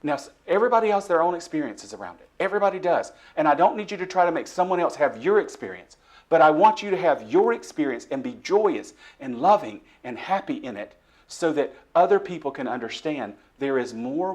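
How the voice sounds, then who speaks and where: A middle-aged man preaching a personal testimony sermon in a church, swinging between soft hushed lines and loud emphatic ones. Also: on the high side, big pitch swings, normal speed.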